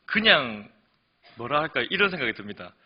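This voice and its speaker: Man, pastor, sermon, lively pitch, husky voice, dull lo-fi church recording. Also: fairly quick. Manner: animated preaching that swings from hushed to emphatic. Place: church sanctuary.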